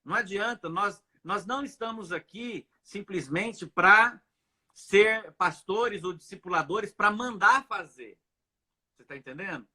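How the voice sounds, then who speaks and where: A man from Brazil, a pastor, speaks earnestly in a live video chat with a high, bright voice that has a husky edge. He repeats his words and keeps checking in with "né?". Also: measured pace. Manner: earnest, repetitive, asks "né?" often.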